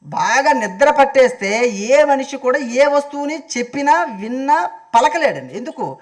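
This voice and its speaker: Male spiritual speaker, very high pitch, devotional discourse, chants verses. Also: very animated, moderate pace, reverberant, poor audio. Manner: rhetorical questions, chanted verses. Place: stage before a live audience. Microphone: handheld mic.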